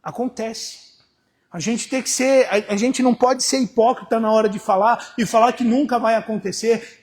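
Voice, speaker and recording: A male pastor with a Brazilian Portuguese accent preaching a sermon, dropping to hushed storytelling and rising to shouted exhortation. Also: extremely high pitch, slightly rough.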